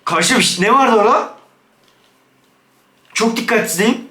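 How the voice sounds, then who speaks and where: Gaming YouTuber, male, bright lively voice, jumpy and easily spooked, echoey room. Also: very high-pitched, moderate pace. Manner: jumpy, excitable, switches to hushed scared whispers. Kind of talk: Minecraft let's play commentary.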